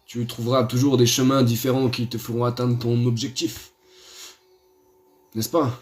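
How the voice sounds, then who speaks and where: A man's voice: medium pitch, flat delivery, moderate pace. A man chatting casually on a live stream in a playful, rambling manner, teasing his viewers.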